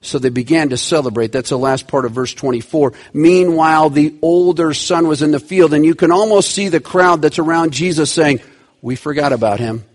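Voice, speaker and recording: A man preaching a sermon, animated, swinging between loud and hushed, stretching key words. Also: on the high side, brisk, hardly any pauses. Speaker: pastor.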